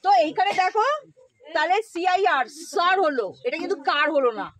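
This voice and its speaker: A woman's voice: very high-pitched, animated, a little fast, fairly bright tone, a little hiss or hum. A woman teaching a classroom phonics lesson, quizzing the children with repeated questions and prompts.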